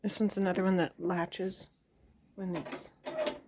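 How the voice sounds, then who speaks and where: Her mid-range voice swoops wildly in pitch, unhurried, over background noise. The young woman is a homesteading vlogger doing a casual show-and-tell indoors at home, showing her camera an item with small laughs, lots of chatter, giggles and fillers.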